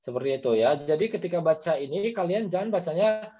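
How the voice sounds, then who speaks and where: A man's voice: on the high side, lively intonation, quick pace, dark tone. A man, teaching Quran recitation in an online class, patiently explaining and modeling the readings aloud. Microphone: video call. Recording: dull lo-fi video call audio.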